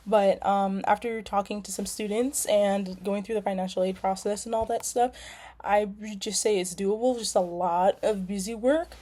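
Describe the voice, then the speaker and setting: A woman's voice: mid-range voice, darkish tone. A young woman from California, a nursing student, casually introducing herself with frequent ums and likes. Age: young adult. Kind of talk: casual self-introduction video. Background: lawnmowers outside.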